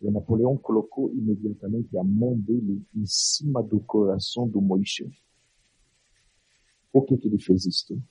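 A man with a markedly raspy voice delivers a religious sermon as a storyteller. He is not a native speaker and has a foreign accent. His delivery is dramatic and emphatic, broken by pauses and repetition, in a dry recording with little room sound. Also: lowish voice, fairly even intonation, warm tone, no echo, low-quality recording. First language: not Portuguese.

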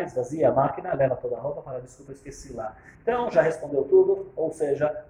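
A man giving a lively lesson on religious law, telling stories and acting out the dialogue with sudden jumps in pitch. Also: reverberant, rough recording. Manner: animated, acts out dialogue with sharp pitch jumps.

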